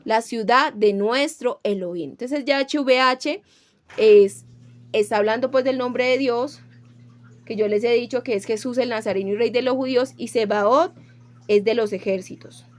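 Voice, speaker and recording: A woman preaching a sermon. She teaches with rhetorical questions and reads scripture slowly and carefully. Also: a little high, fairly even intonation, darkish tone. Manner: slow, measured when reading scripture. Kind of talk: sermon with Bible reading.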